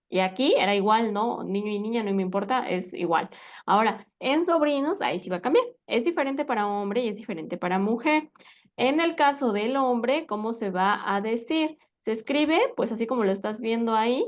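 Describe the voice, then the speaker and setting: Patient woman teaching English. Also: on the high side. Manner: patient, checks understanding with frequent questions. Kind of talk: spoken language lesson.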